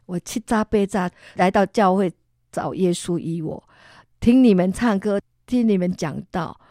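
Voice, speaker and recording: A woman from Singapore, an interview guest telling her personal faith testimony as an animated storyteller who acts out other people's lines and laughs as she goes. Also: mid-range voice, measured pace, no echo, clean studio sound. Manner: expressive, laughs while telling.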